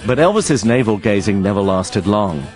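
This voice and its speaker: A man reading scripted documentary narration with a measured, wry delivery. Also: fairly low pitch, animated, faint music behind.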